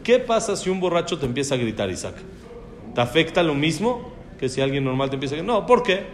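A man's voice: a little high, big pitch swings, fast talker. A man giving a conversational religious lecture and asking his students questions along the way. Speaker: religious teacher.

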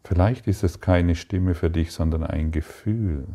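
A man giving a calm, meditative spiritual talk, speaking slowly and soothingly with long pauses. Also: deep voice. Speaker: spiritual teacher.

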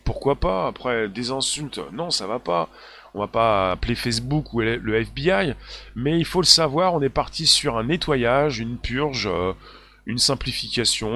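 A man's voice: medium pitch, fairly bright tone. A man hosting a live stream, talking emphatically and repeating himself, with many fillers as he reads out viewer comments. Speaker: livestream host.

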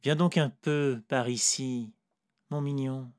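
A man's voice: mid-range voice, steady tone, slow, darkish tone, no room sound, clean studio sound, pitched above the performer's own voice, natural voice. A man putting on a coarse, coaxing woman. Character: weary blunt woman, a prostitute.

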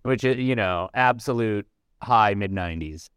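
Man, low voice, smooth and resonant, eager chatty storytelling. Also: normal speed, a bit bright, dry recording. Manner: eager, chatty, jumps in with stories. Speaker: podcast co-host. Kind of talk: casual podcast chat.

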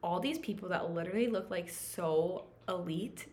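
A woman's voice: fairly low pitch, moderate pace, a little mellow. A young adult woman, co-hosting a casual chat and telling stories in a rambling way, full of fillers and laughter. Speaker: podcast co-host.

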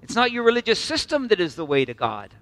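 A middle-aged man preaching a sermon, earnest and emphatic, slowing for repeated phrases and dropping suddenly soft. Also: high voice, wildly swooping pitch, no room sound.

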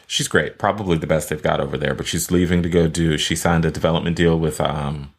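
A man with a low-pitched voice talks casually as a podcast co-host. His delivery is conversational, suited to easy back-and-forth chat. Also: fairly even intonation, a little fast. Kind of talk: casual pop culture chat.

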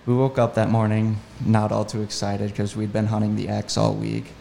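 Gravelly, dark-toned man, keen podcast storyteller. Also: fairly low pitch, moderate pace, slight background noise. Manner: enthusiastic, animated retelling. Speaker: podcast guest, hunting guide. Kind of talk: casual storytelling.

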